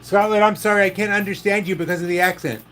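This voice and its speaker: A man's voice: sits high, steady tone, fast talker, fairly bright tone, slight background noise. An older man hosting a casual live stream, chatting to viewers with dry, wisecracking asides.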